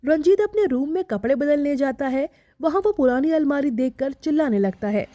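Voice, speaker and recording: A woman narrating a scripted animated story in a steady storytelling manner. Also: high voice, normal speed, no room sound, clean studio sound.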